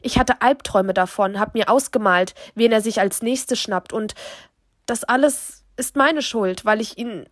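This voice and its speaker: A woman voicing a distraught mother who confesses through tears, halting and stammering. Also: on the high side, dry recording, clean studio sound, close to an everyday voice. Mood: bitter, angry.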